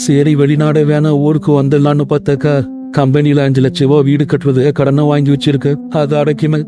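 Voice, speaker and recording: A man playing a homesick young husband, flat-voiced. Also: on the high side, fairly quick, music in the background, close to an everyday voice. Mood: earnest. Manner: earnest and pleading. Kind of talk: Tamil cartoon voice acting.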